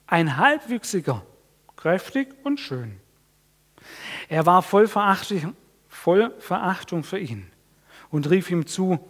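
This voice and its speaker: A man preaching a sermon, telling a Bible story in a lively way and putting questions to his listeners. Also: high voice. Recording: long reverb of a hall.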